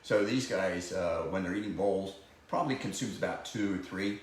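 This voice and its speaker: A man who works as a wildlife educator, giving a casual, rambling talk about live owls, often chuckling and filling pauses with "uh". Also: low voice. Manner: rambling, chuckling, many fillers and restarts. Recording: very echoey room, faint noise.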